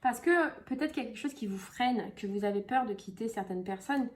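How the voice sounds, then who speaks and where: A woman's voice: on the high side, a little fast, darkish tone, slight background noise. A woman giving a casual tarot reading, chatty and full of fillers and repeated phrases. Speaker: tarot reader.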